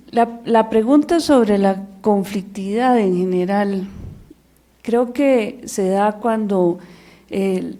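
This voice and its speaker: A Costa Rican woman speaks as a panelist in a warm, mellow tone at an ordinary pitch. She is measured and unhurried, and she pauses often on small filler sounds as she builds each point. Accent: Costa Rican Spanish. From Costa Rica. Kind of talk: panel discussion remarks.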